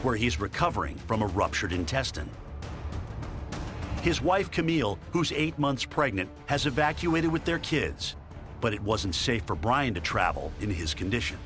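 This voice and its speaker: A man's voice: mid-range voice, expressive, moderate pace. A man giving dramatic scripted narration as the narrator of a documentary. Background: music.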